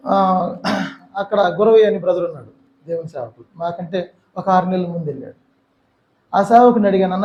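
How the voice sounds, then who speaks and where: A man from Andhra Pradesh, India, with a Telugu accent, gives an emotional testimony sermon as a missionary speaker, slipping English phrases in. His voice is high and warm, and the recording from a church hall is reverberant and muffled.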